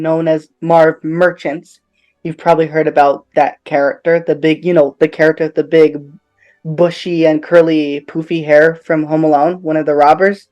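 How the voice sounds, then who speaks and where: A man's voice: fairly high pitch, a little mellow. A man co-hosting a behind-the-scenes commentary, upbeat, steering the talk and prompting his partner. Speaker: co-host and actor in the fan film. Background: faint film music.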